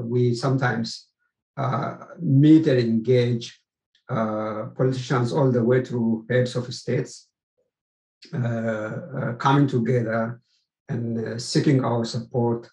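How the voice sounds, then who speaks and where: A middle-aged man from Ethiopia speaks in a mid-range voice, answering an interview as a theology researcher. He talks in a measured, halting way, pausing to find his words. The recording carries a roomy echo. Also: medium pitch, vocal fry, darkish tone.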